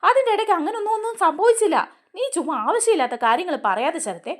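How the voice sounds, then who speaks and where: A woman's voice: very high voice, very animated, fast talker, voice pushed up. A woman voicing a stern, scolding man from a TV serial who demands answers. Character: stern older brother figure, scolding.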